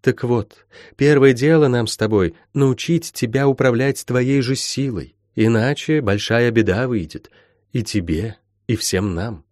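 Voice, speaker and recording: A man's voice: mid-range voice, a little slow, a little mellow, dry recording, studio quality, close to an everyday voice. Man voicing a stern folksy sorceress. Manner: stern, old-fashioned folksy speech. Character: stern middle-aged woman healer, folksy sorceress. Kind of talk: audiobook character voice.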